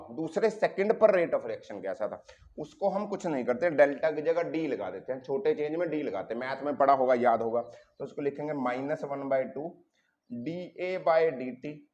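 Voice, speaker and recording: A man's voice: on the high side, expressive, moderate pace, darkish tone, dull audio. Man teaching chemistry in Hinglish. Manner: explains step by step, checks in with the students. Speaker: chemistry tutor. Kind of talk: classroom lecture at a board.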